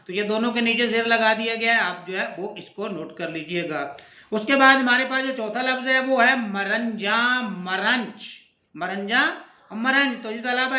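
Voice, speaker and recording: A man with a Pakistani Urdu accent, teaching an exam-prep lesson and going slowly and deliberately through the answers, repeating words for his students. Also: high-pitched, pushed and bright, echoey room.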